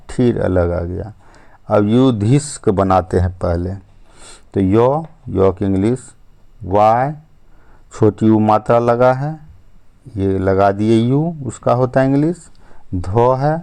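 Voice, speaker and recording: His voice low, gravelly and a bit dark, a man teaching English spells things out step by step, patiently going over points again. "ठीक है" and "अब जो है" come up often as he explains slowly.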